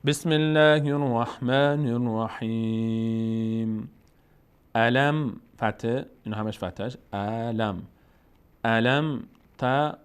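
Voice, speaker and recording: Male recitation teacher, drawn-out chanting broken by brisk explanation. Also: medium pitch, smooth. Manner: alternates drawn-out chanted syllables with quick spoken explanations. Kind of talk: tajweed lesson, spelling out and chanting verses slowly.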